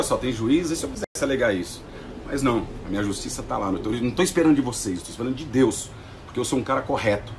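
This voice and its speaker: A man's voice: medium pitch, slight background noise. A man speaking in a casual, defiant vlog rant, slangy and combative. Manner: fast, animated, slangy and combative. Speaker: vlogger reacting to a TV report.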